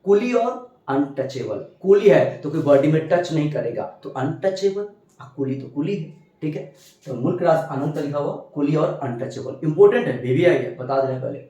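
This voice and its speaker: A man teaching an exam-prep lesson, animated, asking questions and answering them himself. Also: fairly high pitch, moderate pace. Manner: animated, asks and answers his own questions. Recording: very echoey room.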